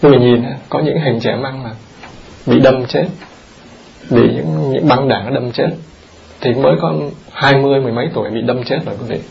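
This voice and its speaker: Male monk, sermon, gravelly voice, lively questions to the audience, muffled lo-fi tape. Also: medium pitch, moderate pace, a crowd in the background. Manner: animated, questions the audience often. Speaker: Buddhist monk teaching. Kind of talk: dharma talk sermon. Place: temple hall.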